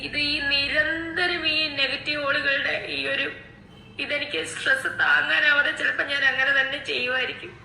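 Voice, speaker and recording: A woman's voice: sits high, flat delivery, normal speed, vocal fry, bright, forceful tone, echoey room, a little hiss or hum, poor audio. A woman, upset and pleading during a live stream. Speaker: streamer in a clip.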